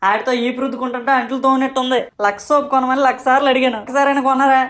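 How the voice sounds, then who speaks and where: A woman voicing a cheeky, lazy teenage schoolboy in an animated comedy who talks back and complains. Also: medium pitch, lightly acted. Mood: talking back. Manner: quick, mouthy, complaining.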